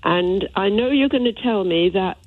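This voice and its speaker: A woman's voice: medium pitch, moderate pace, dry recording, narrow, tinny audio. A woman chatting as a radio phone-in caller over a landline phone, earnest and a little hesitant, often repeating herself. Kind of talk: casual phone-in chat. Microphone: landline telephone handset.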